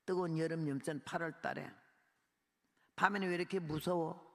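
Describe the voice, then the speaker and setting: Woman missionary preacher telling her story in a sermon, gravelly and bright-edged, dramatic delivery with acted-out cries, long hall reverb. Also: fairly low pitch, fairly even intonation, normal speed. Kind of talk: sermon testimony.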